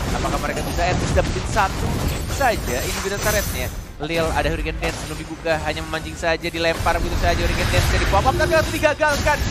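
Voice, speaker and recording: An esports commentator with an Indonesian accent gives live play-by-play, playfully repeating words. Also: mid-range voice. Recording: loud game music behind the voice. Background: loud music.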